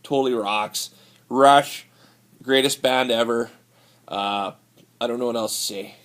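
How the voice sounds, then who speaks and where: For an improvised comedy sketch, a man with a natural, mid-range, fairly bright voice plays a drunken, brawling Canadian hoser. He rambles in a halting Canadian accent and ends his lines with "eh."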